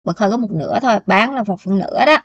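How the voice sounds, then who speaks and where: A woman's voice: mid-range voice, animated, fast talker, no room sound, highs cut off. A Vietnamese woman teaching a beginner Korean lesson, patiently repeating each syllable for students to copy.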